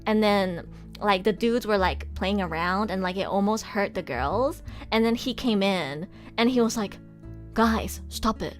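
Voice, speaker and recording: A woman streamer chatting casually on a livestream, ranting in an animated, exasperated way, swearing and laughing often. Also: medium pitch, moderate pace, soft background music. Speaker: VTuber streamer.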